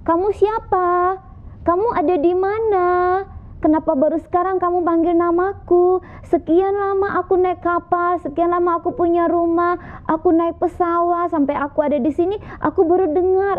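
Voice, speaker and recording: A woman's voice: extremely high pitch, steady tone, moderate pace, voice pushed up. A woman voicing a lonely rich young man, asking anxious questions and pleading. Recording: tinny phone-like sound.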